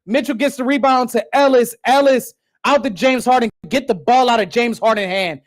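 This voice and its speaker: A fan host calling a basketball game live, with profane, exasperated rants that burst into shouting and dry sarcastic asides. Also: medium pitch, normal speed. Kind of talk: live game reaction and play-by-play commentary. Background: faint background music.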